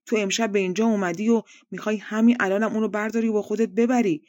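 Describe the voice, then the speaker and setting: A woman's voice: medium pitch, steady tone, a little mellow, no echo, studio quality, natural voice. A woman voicing a frightened eldest brother refusing to hand over his sister, in an agitated tone. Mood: alarmed. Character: frightened eldest young prince, protective brother.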